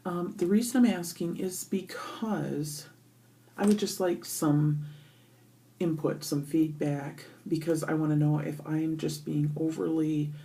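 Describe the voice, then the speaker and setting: A middle-aged woman giving a casual, halting chit-chat to camera, recorded in an echoey bathroom. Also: low-pitched, gravelly, warm tone. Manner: hesitant, halting, thinking aloud. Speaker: vlogger. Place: indoors, in a bathroom.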